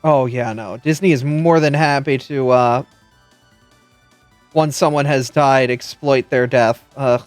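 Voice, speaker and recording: A man's voice: medium pitch, steady tone, unhurried, clear, resonant tone, no echo, faint music behind. A man chatting casually while streaming a game, swearing freely and restarting his sentences. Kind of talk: casual gameplay chat.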